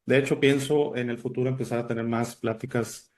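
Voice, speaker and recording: A man's voice: medium pitch, fairly even intonation, a little fast. A man from Italy, raised elsewhere, hosting an interview in a chatty way with many fillers and restarts. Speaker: host. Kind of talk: casual interview chat.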